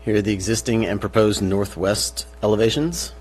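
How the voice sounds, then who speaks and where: A man's voice: on the low side, moderate pace, darkish tone, faint music behind, rough recording. A man presenting as city planning staff, formally and methodically reading through technical details. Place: public meeting room. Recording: faint hiss and hum.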